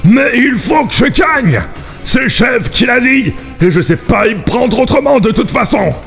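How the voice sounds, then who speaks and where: A man voicing a big, brash, dim-witted albatross henchman in an amateur cartoon fandub, blustering and easily confused, with a gravelly voice. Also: very high-pitched, animated, a little slow, a bit bright, faint music behind, heavily acted. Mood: indignant.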